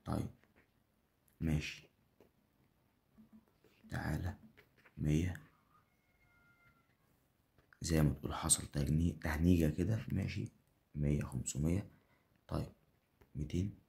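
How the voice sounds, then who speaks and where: A young man with an Egyptian Arabic accent giving hyped commentary on his own betting game, repeating phrases and breaking into excited bursts. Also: very deep voice, unhurried, creaky, pauses often. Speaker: betting channel host. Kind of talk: gambling live commentary.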